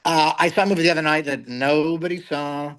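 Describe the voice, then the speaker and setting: Blunt, opinionated man with a higher voice. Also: steady tone, fairly quick, a bit bright, poor audio. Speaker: guest film critic, comedy writer. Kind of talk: casual film review chat.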